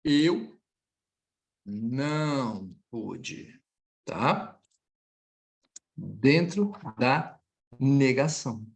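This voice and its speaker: A man with a Brazilian accent teaching French, stretching out each model phrase slowly before explaining it quickly. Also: mid-range voice, lively intonation, gravelly. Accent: Brazilian Portuguese. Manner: slow, drawn-out model pronunciation between quick explanations. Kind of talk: online language lesson.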